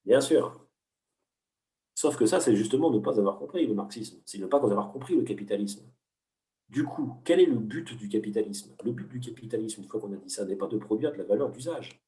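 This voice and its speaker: With a warm, expressive, fairly low voice and a fairly quick pace, this man teaches economics and patiently walks through ideas in an interview. He often hesitates and restarts in his didactic explanations, and the sound is roomy and distant.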